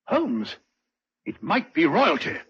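An actor playing a stuffy, blustering older doctor who mutters and harrumphs, in an old radio drama. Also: male voice, on the high side, wildly swooping pitch, slow pace, a bit bright, slightly rough, full character voice. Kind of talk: 1940s radio acting. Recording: dull lo-fi old radio recording.

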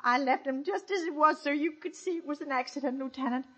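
An actress playing a hysterical, scheming wife who stammers and pleads, in 1940s radio acting. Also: female voice, high-pitched, fast, bright, forceful tone. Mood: defensive. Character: frantic, scheming wife, a narrator recalling her night. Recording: old radio drama with music behind.

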